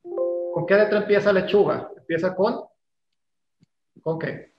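Gravelly man teaching class. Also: high-pitched, measured pace, over music. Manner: casual, teasing, explains step by step. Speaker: English teacher. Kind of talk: online class lecture. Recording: echoey room, dull lo-fi sound, faint noise.

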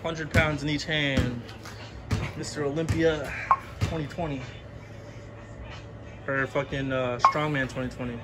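A man with a somewhat high, fairly level voice vlogs his workout in an outdoor yard and makeshift backyard gym, speaking unhurriedly with frequent pauses. He uses casual bro slang, swears, and hypes up his friends in easygoing gym-vlog chatter. Recorded on a handheld camera or phone, his voice competes with loud music playing over it.

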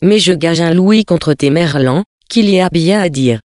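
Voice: medium pitch, a little slow, darkish tone, no echo, close to an everyday voice. Reader as a haughty marquis, curt, dismissive, dry close sound. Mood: wagering. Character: haughty aristocratic marquis bargaining.

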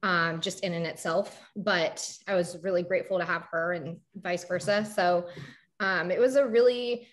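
A woman's voice: fairly low pitch, steady tone, moderate pace. Young woman, panel guest; casual and chatty, leans on "like" and "um". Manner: chatty, frequent "like" and "um" fillers.

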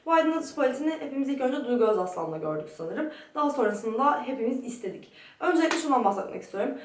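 A woman's voice: sits high, a little hiss or hum. A young woman giving a casual product review to camera as a beauty vlogger, in a very echoey room. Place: very echoey room in a friend's home. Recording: echoey room, distant microphone.

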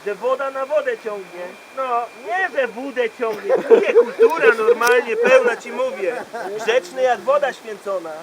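A man's voice: extremely high pitch, big pitch swings, a little slow, few pauses, over a noisy crowd, heavily acted, low-quality recording. A man playing a gossipy, crude woman on the phone in a live comic monologue, rambling with fillers and punning jokes. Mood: gossiping. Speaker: comedian. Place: bachelor party.

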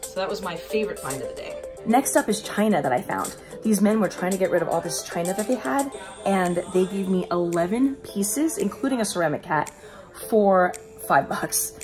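A woman's voice: mid-range voice, lively intonation, normal speed. A woman in her forties talking straight to camera from arm's length, chatty and enthusiastic as she shows off her finds at home. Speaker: vlogger. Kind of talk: casual haul vlog. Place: home indoors, partly outdoors at a flea market. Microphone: phone camera at arm's length. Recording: loud background music.

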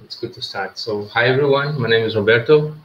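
A man's voice: medium pitch, brisk, roomy sound, dull audio. A man from Brazil, introducing himself plainly on a video call with headphones.

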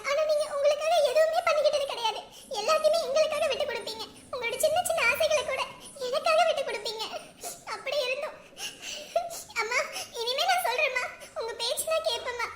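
A tearful teenage daughter, played by a young woman, pleads and apologizes through sobs in a very high, bright voice. The room is hard and echoey. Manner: sharp-tongued complaining, then tearful pleading. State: crying. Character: teenage daughter, sulky then tearfully loving.

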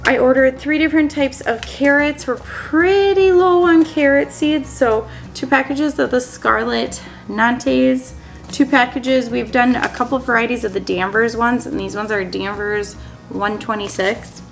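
Sitting at a wooden table in a small indoor dining room, a thirtyish woman from Minnesota, USA, who runs a homesteading vlog, holds up seed packets and talks casually to camera. Her voice sits high with some vocal fry, and she is unhurried. She is upbeat but full of ums, over soft background music.

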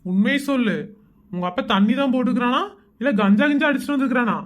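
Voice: medium pitch, lively intonation, close to an everyday voice. A performer voicing a young husband in a Tamil cartoon, grumbling and sarcastic about his in-laws. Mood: exasperated. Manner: grumbling, sarcastic, quick complaints.

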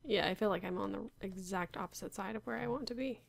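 A woman's voice: medium pitch, fast, vocal fry. A woman casually talking to herself while playing a block-building game, unsure and wry, muttering about where she is. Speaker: Minecraft player. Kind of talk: casual gameplay commentary.

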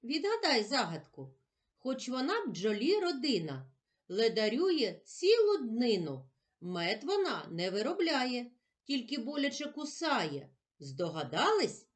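A woman teacher giving a slow lesson to young children, sounding out letters and syllables clearly. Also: fairly high pitch, wildly swooping pitch.

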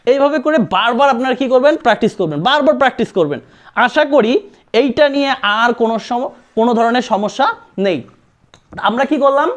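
High-voiced man drilling pronunciation. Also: lively intonation, highs cut off. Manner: repeats sounds slowly and drills pronunciation. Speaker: spoken English teacher. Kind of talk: classroom-style lesson.

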